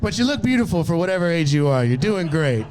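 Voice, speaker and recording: Male stand-up, 30s, slightly high voice, swearing storyteller who riffs on the crowd. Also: quick pace. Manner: profane, animated storytelling with crowd asides. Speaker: stand-up comedian. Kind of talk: stand-up comedy set.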